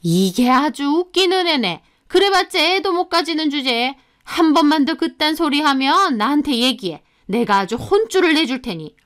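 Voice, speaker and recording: A woman voicing a bossy, harsh middle-aged mother-in-law in a radio drama, talking in a sharp, scornful way. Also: sits high, animated, moderate pace, hardly any pauses, voice pushed up. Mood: indignant. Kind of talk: Korean story radio drama.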